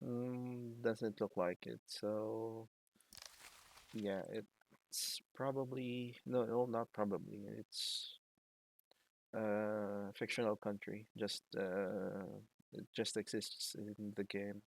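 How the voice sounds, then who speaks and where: Low, creaky-voiced male gamer, halting. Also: flat delivery, low-quality recording. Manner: hesitant, halting, thinking aloud. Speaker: let's play host. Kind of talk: casual game commentary.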